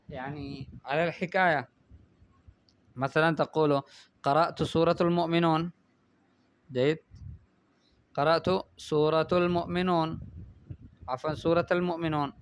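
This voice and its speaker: A male teacher explains punctuation marks step by step, in a smooth, clear voice pitched a little high. He repeats phrases to drive points home and keeps checking that his listeners follow. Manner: explains patiently, often checking with "good" and "understood?". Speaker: Arabic writing teacher. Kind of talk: classroom lesson on punctuation.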